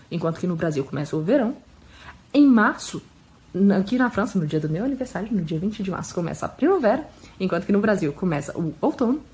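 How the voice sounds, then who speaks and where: A woman in her thirties teaching a French lesson, explaining calmly and patiently and repeating each word slowly so learners can hear the pronunciation. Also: medium pitch, poor audio. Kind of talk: language lesson.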